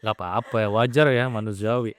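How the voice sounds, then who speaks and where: A man's voice: fairly low pitch, steady tone, brisk, smooth. A young man hosting a casual podcast interview, asking playful, teasing questions and mixing in English phrases. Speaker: podcast host.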